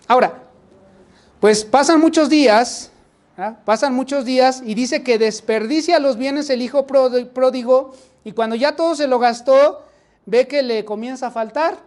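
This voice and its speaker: A man's voice: very high-pitched, darkish tone. A man with a Mexican accent preaching a sermon, often turning to his listeners with rhetorical questions. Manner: addresses the congregation with rhetorical questions.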